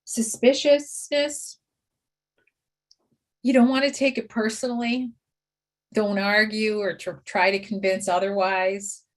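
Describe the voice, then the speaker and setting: A woman teaching caregivers in a training webinar, steadily listing do's and don'ts. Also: mid-range voice.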